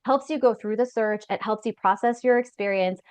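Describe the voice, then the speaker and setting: A woman career coach giving advice in an interview, animated and chatty, peppering her talk with "like.". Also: medium pitch, brisk, clean tone, no room sound. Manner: animated, acts out anxious inner voices, frequent "like". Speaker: career break coach, guest.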